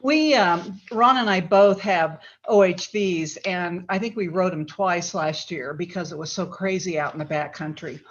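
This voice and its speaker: A woman's voice: fairly low pitch, a little slow, few pauses. A woman, a local resident, giving a rambling public comment with many ums on a video call. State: talking while eating. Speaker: resident speaking at a town forum. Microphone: home computer mic on a video call. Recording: muffled lo-fi video call audio.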